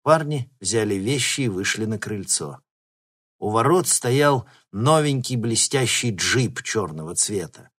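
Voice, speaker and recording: A man narrating an audiobook with a lively, expressive reading. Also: fairly low pitch, measured pace, breathy edge. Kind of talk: scripted narration.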